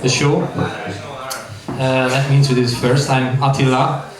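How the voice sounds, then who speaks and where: A man's voice: mid-range voice, flat delivery, takes it slowly, crowd noise. A Hungarian-accented man, a native Hungarian speaker, introducing his songs from a live stage in hesitant English full of restarts. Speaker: singer-songwriter performing live. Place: live music venue stage. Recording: echoey live room with loud guitar.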